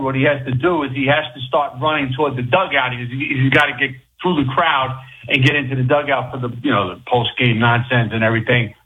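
A man's voice: medium pitch, a little hiss or hum. Male storyteller on a phone line. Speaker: sports radio caller. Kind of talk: casual anecdote telling. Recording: narrow phone-line sound.

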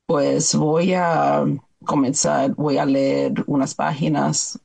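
A woman's voice: deep voice, little pitch movement, slow pace, vocal fry, darkish tone, slightly rough. A woman from New York, a children's book author, talking in a radio interview and stopping now and then to search for words.

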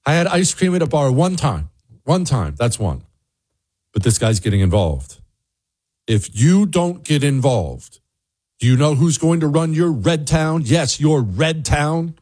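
An American talk show host delivers an opinionated political monologue, emphatic, blunt and sarcastic, full of rhetorical questions. His voice is a little high, a little mellow and slow, with a breathy edge, and he sounds very animated. It's clean studio sound from a close microphone, with no echo.

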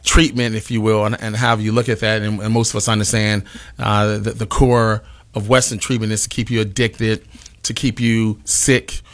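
A man's voice: lowish voice, little pitch movement, normal speed. A man hosting an interview, asking long, rambling questions with many repeated words and restarts. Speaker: interview host.

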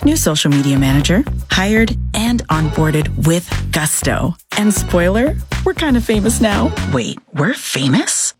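Excitable, proud business owner, hugely varied pitch, unhurried, for a radio ad. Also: female voice, music in the background. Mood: upbeat, surprised. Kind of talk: acted radio ad.

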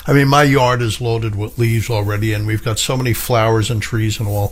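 A husky-voiced middle-aged man, a pharmacist hosting a health radio show, delivers a monologue with enthusiasm, piling up repeated phrases for emphasis. His voice sits lowish, his tone stays steady, and his pace is brisk.

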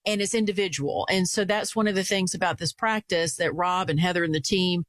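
A woman's voice: on the low side, steady tone, brisk, dry recording, studio quality. Chatty woman hosting a talk radio show. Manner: chatty, upbeat, repeats phone number.

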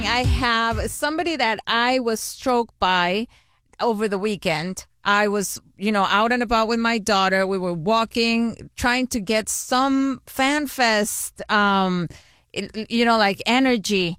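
A woman's voice: on the high side, slow pace, a bit bright, no room sound, clean studio sound, soft background music. A woman from Mexico City hosting a radio show, interviewing casually and chatting with fillers.

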